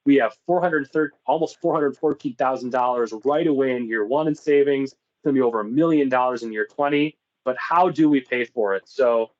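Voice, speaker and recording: A man's voice: medium pitch, fairly quick, hardly any pauses. Man presenting conversationally on muffled audio. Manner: explanatory, conversational. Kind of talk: informal webinar business presentation.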